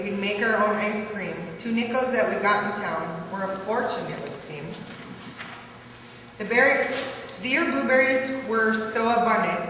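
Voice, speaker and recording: A family member reads a rhymed life story aloud in a sing-song manner, her medium-pitched voice a bit bright. It's a party in a big, echoey room, recorded from a distance with noise in the background.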